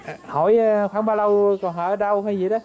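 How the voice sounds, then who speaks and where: A woman's voice: medium pitch, steady tone, fairly quick, dull audio. A woman, a visiting relative making polite, chatty conversation with lots of questions. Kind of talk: casual family chat.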